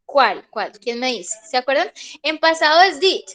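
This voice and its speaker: A woman's voice: high voice, big pitch swings, normal speed, a bit bright. A young woman teaching an online English class, patiently checking in with her students. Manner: patient, checks in with "¿listo?" often.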